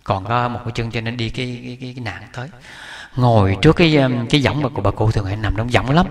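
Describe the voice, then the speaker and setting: A man's voice: medium pitch, quick pace. A man giving a Buddhist sermon, telling a story in a chatty way with many restarts. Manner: conversational, repetitive restarts, chuckling asides. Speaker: Buddhist preacher.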